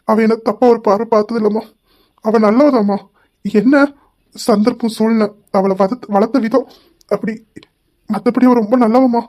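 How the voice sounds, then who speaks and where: A woman's voice: fairly high pitch, warm tone, natural voice. A woman voicing a young husband who pleads through tears in an audio drama. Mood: tender, grieving. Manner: sobbing, pleading. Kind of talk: amateur audio drama acting.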